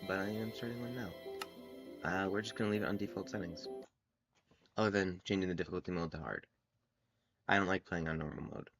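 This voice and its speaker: Deep-voiced man on a livestream headset mic. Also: a little fast, long pauses. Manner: relaxed, thinking aloud, trailing off. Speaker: gaming streamer. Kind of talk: casual livestream chat while playing. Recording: music playing behind the voice. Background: background music.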